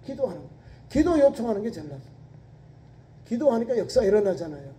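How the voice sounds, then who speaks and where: A man's voice: sits high, big pitch swings, quick pace, mellow. A male pastor preaching a sermon with emphatic, questioning delivery. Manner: emphatic preaching, rhetorical questions, acts out prayers and voices. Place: church sanctuary. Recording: echoey church hall, voice from a distance.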